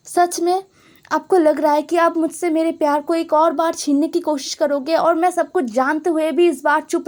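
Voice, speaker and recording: A woman's voice: high voice, a little mellow. A woman voicing an angry young man who stands up to his uncle, defiant and heated.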